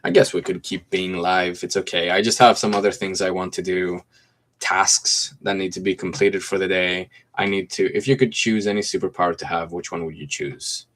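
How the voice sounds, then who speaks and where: Relaxed and chatty, this deep-voiced Greek man in his twenties runs a casual phone livestream from his mint-green room at home. He speaks at normal speed with a slight American accent, reading out each viewer comment and responding to it in turn.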